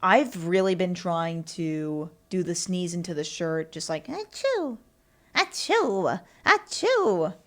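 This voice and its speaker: This young podcast host chats alone in a loose, rambling monologue packed with fillers, asides, and self-talk. She has a fairly low, slightly bright voice with a sing-song lilt and an unhurried, slow delivery.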